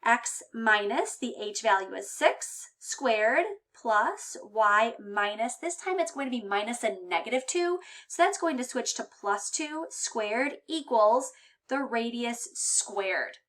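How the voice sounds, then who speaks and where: A woman's voice: on the high side, expressive, slow pace, a bit bright. A woman teaching a math lesson in a slightly raised voice. She walks through each step patiently and plainly, with frequent reminders for her students. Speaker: high school math teacher.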